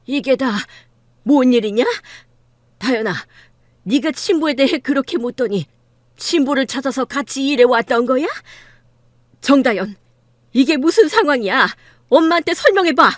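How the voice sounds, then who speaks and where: A woman's voice: sits high, normal speed, pauses often, dry recording, close to an everyday voice. Woman doing hurt indignant mother, fifties, reproachful, pleading, audiobook drama, dry close sound. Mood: upset. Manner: pleading, then fiercely indignant.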